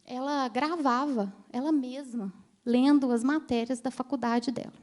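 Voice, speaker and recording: A woman's voice: high-pitched, steady tone, unhurried, darkish tone. Chatty woman giving a talk. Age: 30s. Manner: chatty storytelling, addresses the audience directly. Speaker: ophthalmologist giving a conference talk. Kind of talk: conference talk.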